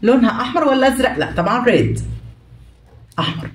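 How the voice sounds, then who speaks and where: Lively Egyptian woman teaching children English. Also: a little high, recorded from a distance. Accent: Egyptian Arabic. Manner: slow, spelled-out English words followed by Arabic glosses; asks questions and answers them herself. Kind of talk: explaining a children's English workbook. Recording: echoey room, voice a little off the mic.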